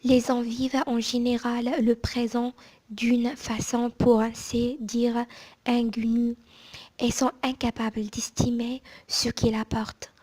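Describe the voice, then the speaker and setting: A woman reading aloud from a book in a soft, hushed ASMR whisper, like in a library, mostly unvoiced, with careful phrasing and small pauses. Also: fairly high pitch, level tone, slightly rough.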